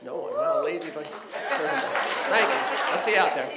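A man's voice: high voice, wildly swooping pitch, measured pace. A man in his thirties doing a chatty, rambling stand-up set in a comedy club, full of "you know" and "like". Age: 30s. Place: comedy club stage with live audience. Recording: roomy club with crowd noise.

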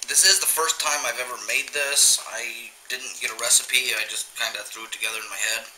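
A man in his thirties hosts a home cooking video, talking fairly quickly in a medium-pitched voice as he rambles casually through the steps at his kitchen table. He's relaxed and uses fillers; the camera mic picks up an echoey kitchen with slight background noise.

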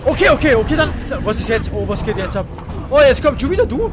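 A man's voice: very high-pitched, fast, over music, crowd noise. A man with an Austrian accent giving joking, swearing gameplay commentary, yelping in fright at the action. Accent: Austrian German. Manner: excitable, joking, swearing, yelping when scared. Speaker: let's play host.

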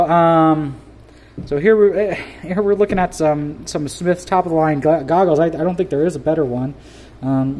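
A man talks casually through an unboxing in a warm, mellow voice. He is chatty and enthusiastic and scatters fillers through his talk. A faint hiss sits under the recording. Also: medium pitch. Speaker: gear reviewer.

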